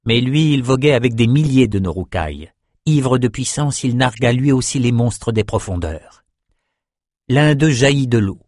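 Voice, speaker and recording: A man narrating an audiobook in a steady, measured storytelling voice, close to the mic. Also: mid-range voice, dry recording.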